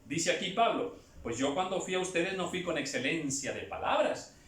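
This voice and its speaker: A man preaching a sermon, moving between hushed and loud passages and acting out other voices. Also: a little high, lively intonation, moderate pace, reverberant. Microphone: camera at a distance.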